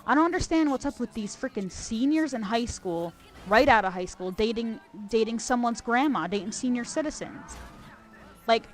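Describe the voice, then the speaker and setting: A woman streaming a video game, chatting casually in a rambling way, full of fillers and animated asides. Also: fairly high pitch, normal speed. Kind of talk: casual gameplay chat.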